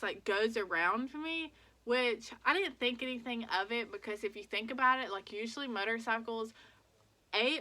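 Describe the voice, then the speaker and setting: A woman in her twenties casually retelling a story to her viewers, animated and full of "like"s. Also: on the high side. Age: 20s. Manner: animated retelling with many "like"s and acted quotes. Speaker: vlogger.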